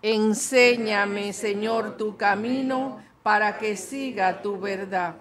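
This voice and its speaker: An older woman reading scripture and the psalm at a lectern in a small chapel, slow and careful. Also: medium pitch, steady tone, a crowd in the background. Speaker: lector. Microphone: lectern microphone.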